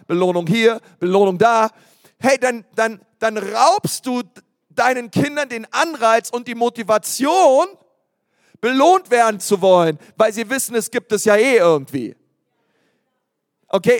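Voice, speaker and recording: A man preaching a lively sermon, calling out to his congregation and repeating key phrases for emphasis. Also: very high voice, no room sound, studio quality. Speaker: pastor.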